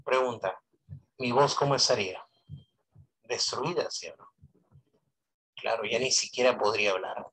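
A man's voice: medium pitch, normal speed, long pauses, a bit bright, husky, low-quality recording. Male teacher firing rhetorical questions. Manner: asks students constant rhetorical questions; repeats phrases for emphasis. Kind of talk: online economics class lecture.

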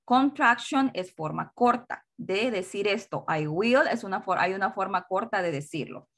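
A woman's voice: mid-range voice, expressive, fairly bright tone. A woman teaching English to secondary school pupils. She explains patiently, switches between two languages and repeats each pronunciation again and again. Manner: slow, repetitive drilling of pronunciation. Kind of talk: recorded classroom lesson.

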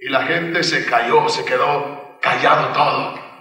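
A man preaching a sermon at a men's retreat, slowly retelling a story and breaking into loud shouted cries. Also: medium pitch, fairly even intonation, faint music behind. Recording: echoey hall from far off, congregation.

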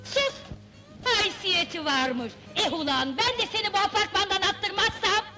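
An actress playing a furious older woman neighbor in a 1970s comedy film, scolding and shouting. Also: extremely high pitch, expressive, moderate pace, loud music behind the voice.

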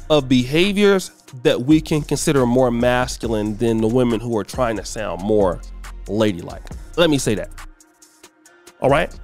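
Blunt and preachy, a middle-aged man airs his opinions in a monologue for the commentary channel he hosts, and his pitch goes up as he gets riled.

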